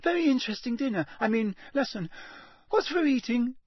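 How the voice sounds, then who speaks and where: A man voicing a nervous, frightened schoolboy in an audiobook, gabbling in an unnaturally high voice. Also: expressive, brisk, husky, no room sound, clean studio sound, heavily acted. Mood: anxious, falsely bright. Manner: gabbling, flustered. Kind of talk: audiobook character voice.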